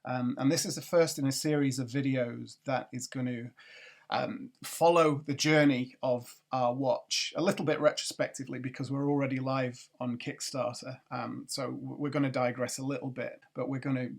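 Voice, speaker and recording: Middle-aged guy rambling thru a screen recording, gravelly and kinda monotone, lots of ums. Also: mid-range voice, moderate pace. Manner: rambling, many ums and restarts. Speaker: watch brand founder. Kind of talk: casual screencast talk. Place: at a computer doing a screencast.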